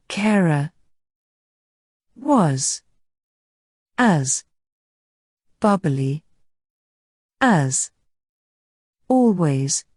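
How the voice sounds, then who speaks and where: A woman with a mellow, slightly low voice gives a slow school dictation. She reads word by word at an extremely slow, deliberate pace, pausing so that each piece can be written down. The sound is close and dry. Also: breathy edge, no room sound. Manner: measured, deliberate, pausing after each word or short phrase. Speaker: dictation reader. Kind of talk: slow school dictation, reading a story in separated words.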